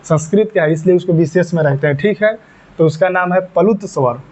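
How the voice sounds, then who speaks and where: His voice sits high, with a darkish tone and a fairly quick delivery. He leads a grammar lesson in classroom fashion, step by step, repeating points and asking then answering his own questions, on a dull lo-fi recording.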